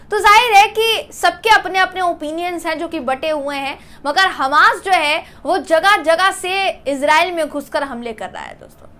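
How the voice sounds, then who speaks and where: A woman's voice: high-pitched, fairly bright tone. A woman news anchor presenting a news report, speaking earnestly to viewers and often calling them friends. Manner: addresses viewers as friends, earnest explanatory delivery. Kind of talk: Hindi news presentation to camera.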